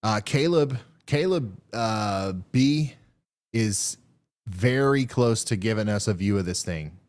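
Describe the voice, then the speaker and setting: Low-pitched man giving live weather commentary. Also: animated, darkish tone. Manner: halting, thinking aloud while reading radar. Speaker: live weather stream host.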